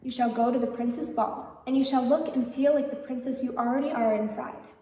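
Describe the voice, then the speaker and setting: A woman voicing a wise, calm fairy godmother in a storybook reading, with a reassuring manner. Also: fairly high pitch, a little fast, a little hiss or hum, close to an everyday voice. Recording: echoey hall, distant mic.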